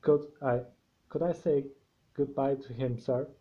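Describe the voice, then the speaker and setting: A man voicing a big, shaggy, softhearted male giant who is tearful, stumbling over his words as he reads. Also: mid-range voice, fairly even intonation, lightly acted. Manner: halting reading with restarts. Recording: dull lo-fi recording.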